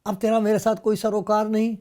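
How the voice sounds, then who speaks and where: A man's voice: high-pitched, little pitch movement, a little mellow. A male pastor preaching a sermon, retelling scripture and acting out the dialogue in the scenes, at times rising to emphatic outbursts. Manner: storytelling, acting out dialogue between Jesus and Peter.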